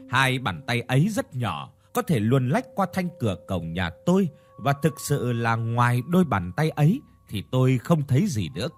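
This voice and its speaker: A man narrates a spooky tale with a very lively, swooping pitch, drawing out the tense moments. Faint music plays softly behind him. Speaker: storyteller. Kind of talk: scripted ghost story narration.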